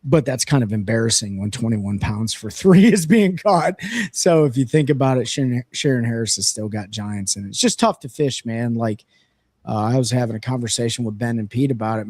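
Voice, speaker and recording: The co-host of a fishing show chats casually on a livestream from central North Carolina, full of energy, rambling and leaning heavily on filler words between sponsor reads. His voice is hoarse and worn out, plainly mid-range, and recorded close and dry without room echo.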